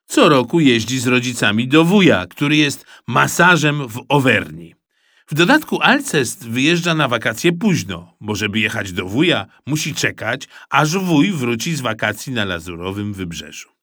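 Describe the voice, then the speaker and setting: A man narrating a children's storybook aloud in a lively, expressive manner, recorded close on a studio mic. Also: medium pitch, normal speed, dry recording. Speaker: audiobook narrator.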